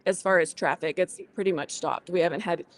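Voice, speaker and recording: A woman's voice: fairly low pitch, steady tone, brisk. A woman explaining things plainly as a guest in a casual interview. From southwestern New Mexico, USA. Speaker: rancher and podcast guest.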